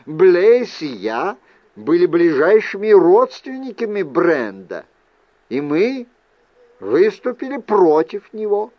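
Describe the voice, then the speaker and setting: A man's voice: high-pitched, very animated, slow pace, dry recording, muffled recording, pitched above the performer's own voice, heavily acted. A man doing a cool, probing sorceress aunt. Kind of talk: audiobook character voice.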